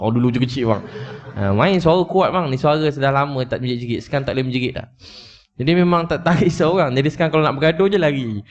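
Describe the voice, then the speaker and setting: A man's voice: mid-range voice, darkish tone. A man preaching to a live audience, telling a story with emotion, repeating his points and speaking straight to his listeners. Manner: emotional, repetitive, addresses listeners directly. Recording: slightly dull lo-fi recording.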